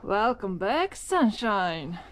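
A woman's voice: mid-range voice, big pitch swings, drawn-out words, background noise. A Slovenian woman, a native Slovene speaker, chattily talking herself through her chores in casual English self-narration, with frequent exclamations. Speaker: vlogger narrating her own home projects.

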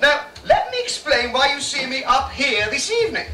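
A master of ceremonies introduces the cast in full character as a grand, bawdy hostess in a cabaret spoof, greeting a live audience with an arch, drawn-out, saucy welcome. The voice sits high and sing-song with a sharp tone. It's captured by a distant camera mic on a theatre bar stage, so the sound is echoey and noisy, with a rowdy crowd.

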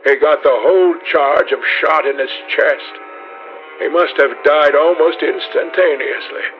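A man voicing a detached, worldly aristocrat who speaks calmly in an audiobook. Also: a little high, a little slow, narrow, tinny audio, faint music behind, lightly acted.

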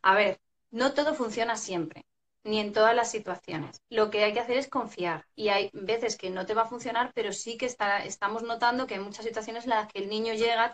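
A woman's voice: medium pitch, fairly bright tone. Woman explaining parenting advice. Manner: explanatory, acts out family scenes. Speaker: parenting expert guest. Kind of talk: live video chat advice.

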